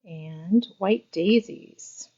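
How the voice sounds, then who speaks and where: A woman's voice: on the low side, extremely slow, mellow, slightly rough, dull audio. A woman hosting a casual craft-shop livestream, chatting and gushing over products as she shows them. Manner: chatty, gushing, thinks aloud while handling items.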